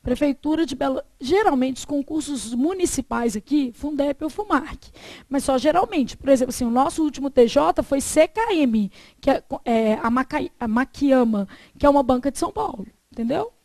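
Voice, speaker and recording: A Portuguese teacher with a high-pitched, expressive voice and a darkish tone gives a classroom grammar lesson. She dictates slowly and poses fill-in questions for her students to answer. There is no echo.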